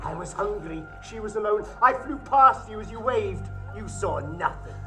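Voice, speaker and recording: Pompous, gloating Count Dracula over music. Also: male voice, high-pitched, expressive, moderate pace, bright, forceful tone, full character voice. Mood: cold. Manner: pompous, mockingly courteous. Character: Count Dracula, suave gloating ancient vampire posing as professor. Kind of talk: theatrical audio drama acting.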